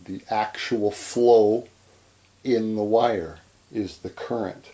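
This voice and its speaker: Mellow-voiced man giving an informal lesson. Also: lowish voice, fairly even intonation, rough recording. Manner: halting, repetitive, checks in with "right?". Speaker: instructor. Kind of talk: informal chalkboard lecture. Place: indoors at a chalkboard.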